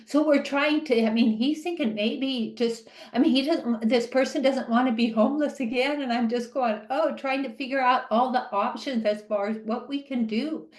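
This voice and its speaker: A woman's voice: high voice, roomy sound. Woman live interpreter voicing a question. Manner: halting, with restarts and fillers. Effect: live sign language interpreter voicing a deaf participant's question. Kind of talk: live spoken interpretation on a webinar.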